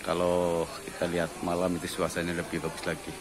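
A man giving a casual walking tour of a cafe, talking in a slow, relaxed way with lots of "ya" fillers. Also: low voice. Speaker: vlogger touring a cafe. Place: outdoor cafe grounds and indoor dining hall. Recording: noisy ambient phone recording.

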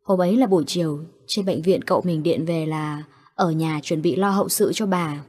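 Calm woman narrating ghost stories. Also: deep voice, normal speed, breathy edge, no room sound. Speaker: storyteller. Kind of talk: horror story narration.

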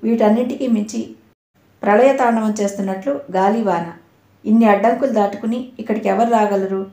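A woman doing a steady reassuring man. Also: medium pitch, fairly quick, natural voice. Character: steady, reassuring male protector. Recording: roomy echo.

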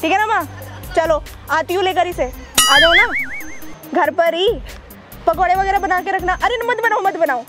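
A woman's voice: very high voice, normal speed, pauses often. A young woman hosting a prank video, gushing and teasing as she talks to her mother on the phone. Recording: background music under the voice.

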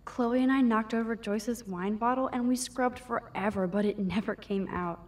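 A woman's voice: a little high, normal speed, darkish tone, recorded from a distance, close to an everyday voice. Woman voicing Max, a wistful shy teen. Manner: wistful, musing to herself. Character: shy 18-year-old girl, photography student. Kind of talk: video game inner monologue.

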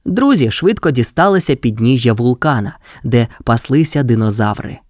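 A storyteller reading a children's audio fairy tale in an expressive, lively way. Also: mid-range voice, normal speed, no echo, clean studio sound.

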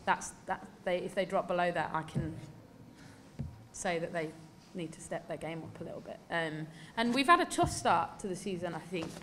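This is a post-match press conference: an English football coach in her thirties responds candidly and emphatically to reporters, with plenty of fillers, via a desk mic. Her lowish voice is expressive and fairly bright, at normal speed. She sits in an indoor press room before a sponsor backdrop, with slight background noise.

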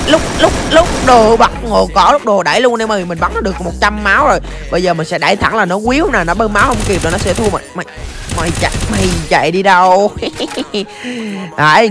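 Fast, excitable gamer. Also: mid-range voice. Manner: excitable, rapid-fire exclamations to viewers. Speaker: game streamer. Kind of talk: live gameplay commentary.

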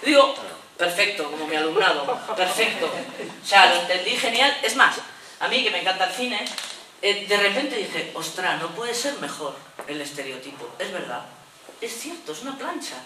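A woman teacher giving a humorous lecture, lively and jokey, now and then acting out little voices. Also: mid-range voice, moderate pace, reverberant, far from the mic, a little hiss or hum, low-quality recording.

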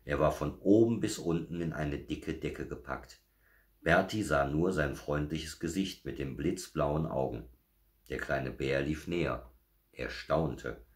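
A man narrating a children's story in a gentle, measured storytelling manner. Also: very deep voice.

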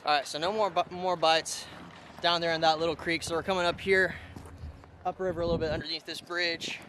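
A young man, vlogging excitedly while fishing on a riverbank, talking to viewers and repeating his exclamations. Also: on the high side. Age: young adult. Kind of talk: casual outdoor fishing vlog. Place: riverbank outdoors. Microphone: on-camera mic and head-mounted camera. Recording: rushing river noise outdoors.

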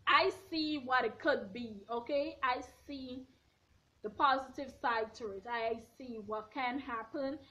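Speaking at a measured pace in a high, slightly hoarse voice, a woman in her twenties casually recaps a reality show with sass and bluntness. She's indoors in her bedroom, filming herself on a front camera at arm's length with lively hand gestures, captured in dull lo-fi webcam sound.

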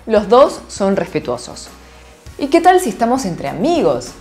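A woman teaching a lively online Korean lesson, laughing often and checking in with her students. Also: medium pitch, measured pace, soft background music. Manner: animated, laughs often, asks "¿sí?" constantly.

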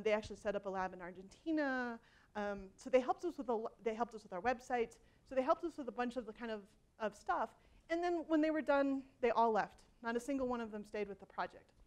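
A woman in her forties speaks fast, with lively intonation and a slightly mellow, somewhat high voice, through a headset mic during a conference keynote on a large hall stage. Her style is casual and conversational, laced with ums, restarts and humor at her own expense.

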